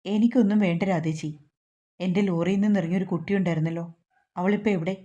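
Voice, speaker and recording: A woman voicing a gruff, hot-tempered young male lorry driver who talks sternly and scolds. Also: lowish voice, fairly even intonation, quick pace, dark tone, dull audio, natural voice.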